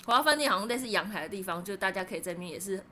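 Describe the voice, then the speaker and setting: A woman's voice: medium pitch, rapid-fire, slight background noise. A woman podcast co-host telling stories in casual chat. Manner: animated storytelling.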